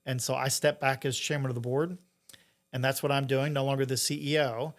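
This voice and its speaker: A man's voice: mid-range voice, little pitch movement, a little fast. Middle-aged man talking in an interview. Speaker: interview guest, entrepreneur and investor. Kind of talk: conversational interview, explaining.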